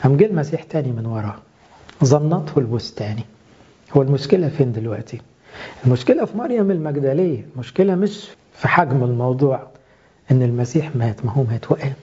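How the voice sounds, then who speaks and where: A man's voice: medium pitch, expressive, fast, mellow, slightly rough. A man with an Egyptian accent giving an earnest, pastoral sermon, speaking to his listeners as "my dear.". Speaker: preacher. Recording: dull lo-fi recording.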